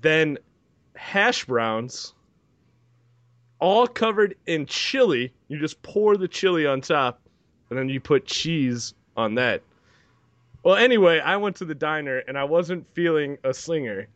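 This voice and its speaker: A man's voice: on the high side, animated, unhurried, fairly bright tone, dry recording, lo-fi sound. A man in his thirties co-hosting a casual podcast, joking and laughing as he tells stories. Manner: jokey, laughs often. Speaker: podcast co-host. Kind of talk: casual chat.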